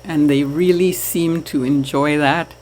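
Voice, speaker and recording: A woman from Trinidad talks to her viewers at a slow, easy pace. Her voice sits a little low, and she chats warmly about her aquarium with the odd soft laugh. The delivery is relaxed and conversational. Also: a little hiss or hum. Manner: slow, chatty, laughs softly. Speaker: aquarium hobby vlogger. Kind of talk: casual chat to camera.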